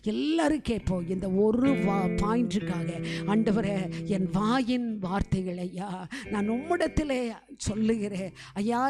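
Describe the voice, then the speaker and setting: A woman's voice: on the high side, darkish tone. A woman leading a congregation in spoken prayer, fervent and pleading, often repeating her phrases and calling out to God between them. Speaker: prayer leader at a revival meeting.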